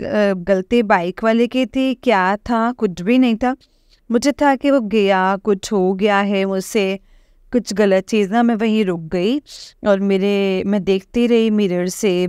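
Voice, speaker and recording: सरल भाव से गवाही सुनाती महिला. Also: female voice, mid-range voice, a little mellow, clean tone, no echo, studio quality. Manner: earnest and anxious, often addressing listeners as "sangat ji"; halting, with many fillers and restarts. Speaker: devotee sharing a testimony. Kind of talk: personal testimony told to a congregation.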